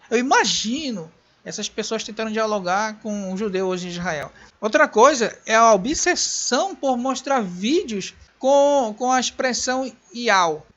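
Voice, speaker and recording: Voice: mid-range voice, fairly bright tone. Emphatic presenter, dull lo-fi sound. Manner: emphatic and repetitive, pressing points home; scornful toward opponents. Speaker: video presenter teaching Hebrew grammar. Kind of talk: explanatory rebuttal lecture.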